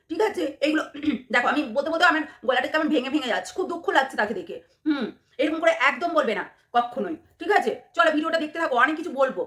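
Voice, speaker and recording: A woman scolds and taunts her viewers in a fast, repetitive vlog rant. Her voice is high and sharp-edged, and she speaks at a rapid clip. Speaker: vlogger. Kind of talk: angry rant to camera.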